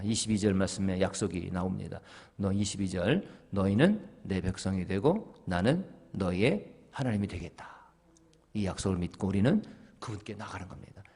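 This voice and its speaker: A middle-aged man, a senior pastor, preaching an early-morning devotional sermon, asking rhetorical questions and answering them himself, his voice swinging between loud and hushed. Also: fairly low pitch, slightly rough. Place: church sanctuary. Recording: long church reverb.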